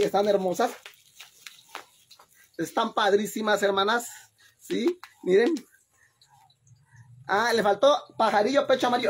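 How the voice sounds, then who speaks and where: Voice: medium pitch, a little hiss or hum. A person with a Mexican accent chatting on a phone livestream at home, profane and chatty, often laughing and bustling about. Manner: chatty and profane, keeps calling the audience "sisters"; loud and laughing, dashing around the house with the phone. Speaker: livestream host. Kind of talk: casual livestream chat.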